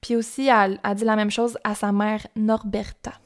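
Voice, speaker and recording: A woman's voice: mid-range voice, level tone, normal speed. A young woman with a Québécois accent casually telling a true-crime story on a podcast, chatty and informal with asides. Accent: Québécois French.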